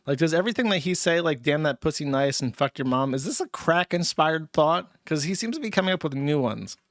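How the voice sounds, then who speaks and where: A man hosts a casual show and reacts to clips with quick, sarcastic commentary. His voice sits a bit high, and the sound is dry and close with no room echo. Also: animated, fairly bright tone. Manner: sarcastic, quick, laughs often. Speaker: host.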